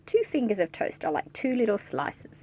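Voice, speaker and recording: Speaking at normal speed in a fairly high voice, a woman reads a picture book to young children. She is playful and expressive, addressing them directly and throwing in chatty asides.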